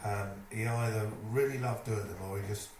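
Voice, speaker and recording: A man telling a lively stage anecdote, putting on other people's voices as he goes. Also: lowish voice, normal speed. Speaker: storyteller at a live evening event. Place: live event venue, indoors. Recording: echoey room, distant mic, noisy.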